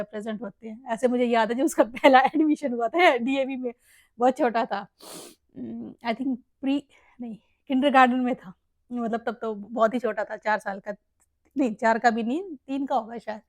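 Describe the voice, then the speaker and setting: A woman's voice: on the high side, no room sound. A middle-aged woman with a Haryanvi accent, a mother and family vlogger, chatting casually and emotionally with rambling asides. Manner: emotional, rambling, often addresses listeners as "bhai". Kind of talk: casual heartfelt vlog chat.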